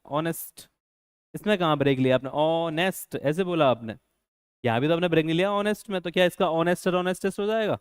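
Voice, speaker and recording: Smooth-voiced teacher, questioning. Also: male voice, a little high, no echo, clean studio sound. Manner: asks students rhetorical questions, repeats key points. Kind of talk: classroom-style grammar lesson.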